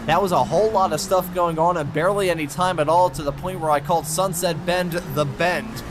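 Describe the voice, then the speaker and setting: Male motorsport commentator, high voice, dramatic and effusive play-by-play over clearly audible music. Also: steady tone, a little fast.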